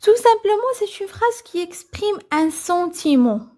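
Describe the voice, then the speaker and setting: A woman with a high, light voice leads a children's grammar lesson. She puts questions to the class, answers them herself and keeps checking that everyone has understood. Her tone stays patient and steady throughout. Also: a little slow. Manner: repeats "c'est bon?" to check understanding. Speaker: teacher.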